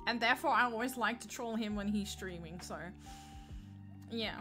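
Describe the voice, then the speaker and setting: A woman's voice: on the high side, moderate pace, music in the background. A woman with a Dutch accent chatting casually on a gaming livestream, giggling often and greeting viewers by name.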